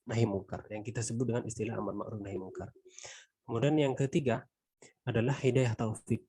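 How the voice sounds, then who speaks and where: Mellow husky Indonesian religious teacher. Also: male voice, mid-range voice, no room sound. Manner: conversational, frequent "gitu kan" tags, trailing softly. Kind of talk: Quran exegesis lesson.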